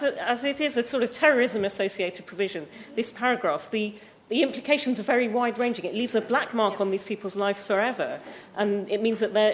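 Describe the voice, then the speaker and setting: A woman puts a formal point in a parliamentary debate at a rapid pace. A little background noise sits behind her voice. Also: mid-range voice. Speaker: member of parliament intervening. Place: debating chamber.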